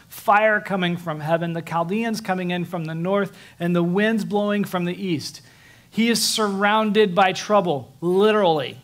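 A pastor preaching a sermon, telling a personal story in an earnest, conversational way with frequent restarts. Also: male voice, high voice.

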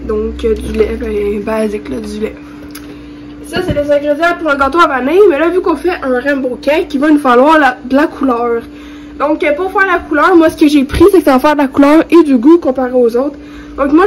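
Speaking to camera from her home kitchen, a young woman with a Quebec French accent walks through a cooking tutorial in a casual, hesitant way. She is a vlogger with a cold, and her high voice sounds congested. The audio is poor and background noise can be clearly heard.

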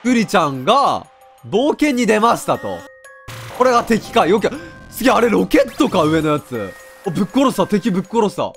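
A young man giving loud, joking let's-play commentary, often laughing and shouting at the screen. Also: high voice, big pitch swings, normal speed, faint music behind. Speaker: game commentator.

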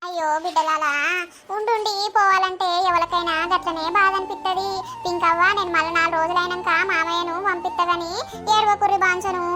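A woman's voice: very high-pitched, fairly even intonation, brisk. A woman voicing an old village grandmother with a Telangana accent who scolds and fusses over the family. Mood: consoling. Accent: Telangana Telugu. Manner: fussing, scolding then tender. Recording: soft music behind.

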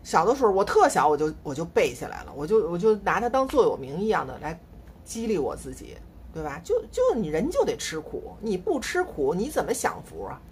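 A woman's voice: on the low side, sing-song, brisk, darkish tone, a little hiss or hum. A middle-aged woman with a Beijing accent, chatting casually to her viewers in an exasperated, scolding storytelling manner. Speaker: vlogger. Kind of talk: casual chat.

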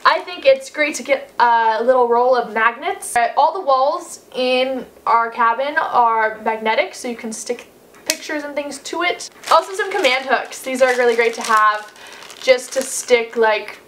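Filming a casual packing vlog indoors, in a carpeted living room by a fireplace, a vlogger in her twenties sounds upbeat, full of "like"s and "um"s. Her high, slightly bright voice is animated yet unhurried. A little hiss or hum can be heard.

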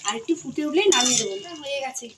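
A woman's voice: high-pitched, expressive, very fast. A middle-aged woman, a mother cooking at home for her vlog, chatting casually and checking that viewers follow along. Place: home kitchen. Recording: kitchen background noise.

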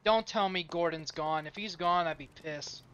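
Bright-voiced young man swearing on stream. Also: a little high, normal speed, smooth, muffled recording. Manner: slangy, sweary. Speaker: video game streamer. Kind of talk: casual live game commentary. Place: indoors at a gaming chair, headset on.

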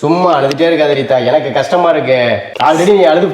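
A man talks quickly and earnestly to his audience, explaining things in long stretches. He is a family vlogger speaking casually at home. The bare room around him gives his voice a roomy echo. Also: on the high side, background noise. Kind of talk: emotional casual family vlog talk. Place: rented home, indoors.

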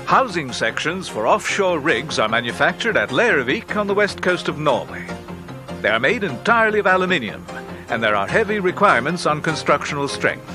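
A man narrating an industrial training film in a measured, instructive way, as a studio voice-over. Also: fairly high pitch, sing-song. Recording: faint music behind narration.

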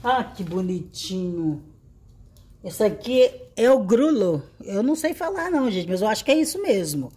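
A woman vlogger chatting casually to her viewers, exclaiming warmly over each gift she unpacks. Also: medium pitch, big pitch swings, moderate pace. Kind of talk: casual unboxing chat. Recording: echoey room.

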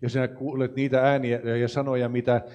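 A man's voice: medium pitch, little pitch movement, a little mellow. A man preaching and praying for healing, with fervent, repeated declarations. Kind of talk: healing prayer and prophetic words.

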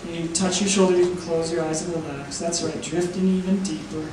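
A man speaking as a stage hypnotist in a slow, gentle, repetitive, soothing voice, guiding people into relaxation. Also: fairly high pitch, steady tone, background noise. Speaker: stage hypnotist, show host. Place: school auditorium stage with audience. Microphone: far camera in the audience. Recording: distant, very echoey hall, loud crowd.

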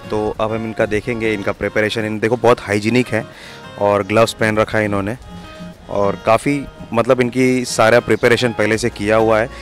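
A young man hosting a casual street food vlog outdoors, asking quick questions and praising the food with enthusiasm. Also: lowish voice, little pitch movement, faint music behind. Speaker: food vlogger host. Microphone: handheld lapel mic.

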